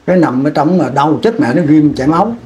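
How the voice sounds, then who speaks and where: A man's voice: on the high side, animated, fast, darkish tone. A man, recalling his war years in an interview, rambling and repeating words as he restarts sentences. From Vietnam. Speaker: veteran interviewee. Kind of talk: oral history war recollection.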